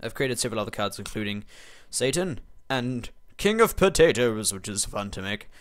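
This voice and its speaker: His voice is on the low side and expressive, at a moderate pace. A teenage boy and video maker, he rambles casually over a screen recording, muttering and poking fun at himself as he types.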